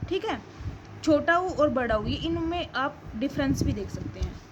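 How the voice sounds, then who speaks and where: High-voiced woman teaching a grammar lesson. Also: animated, measured pace, muffled recording, background noise. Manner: explains step by step, asks and answers her own questions. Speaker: school teacher.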